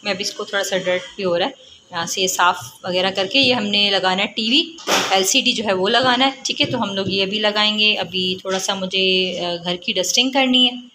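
A woman's voice: mid-range voice, fairly quick, background noise. A young woman in a casual home vlog, chatting about her chores and talking with her husband. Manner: coaxing, scolding tone with children. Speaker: vlogger and mother.

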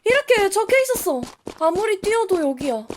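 High-voiced excitable woman streamer. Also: fairly quick, noisy background. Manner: jumpy, shrieks and exclaims when startled. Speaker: game streamer. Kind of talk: live gameplay commentary.

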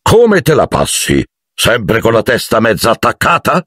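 A bluff, jovial male ghost huntsman, put on by a man reading the book, booms out loud and mocking lines. The voice is raised and hearty. The recording is dry and close. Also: very animated, normal speed, creaky, no echo, exaggerated voice.

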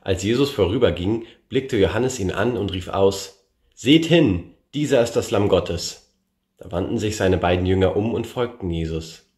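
A man reading a Bible passage aloud in a measured way, lifting his voice for the quoted speakers. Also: low voice, a little mellow, echoey room. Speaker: scripture reader.

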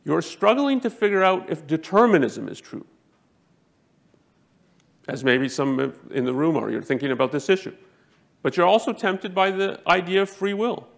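Gravelly, emphatic male lecturer. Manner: emphatic, jumping up in pitch to stress points; self-correcting, frequent restarts. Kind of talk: lecture to a live audience.

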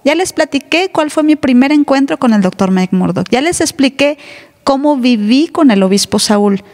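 Preaching in church with emphasis and playful teasing, this woman pastor also imitates other voices. She sounds high-pitched and animated, with a darkish tone and a moderate pace, all carried by live church hall reverb.

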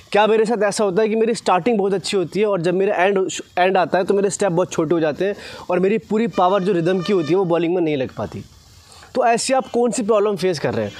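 Out on an open, grassy cricket ground, a fast-bowling coach in his 20s presents an instructional explanation of technique to camera, often adding short tag questions to check in. He wears a lapel mic, and his voice is high-pitched and a little mellow.

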